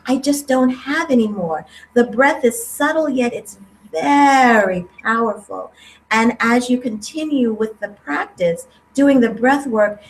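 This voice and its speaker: A middle-aged woman, a breathwork teacher, speaking gently and warmly about breath and healing in an interview. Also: fairly high pitch, slight background noise, poor audio. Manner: gentle, soothing, heartfelt. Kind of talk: spiritual interview talk.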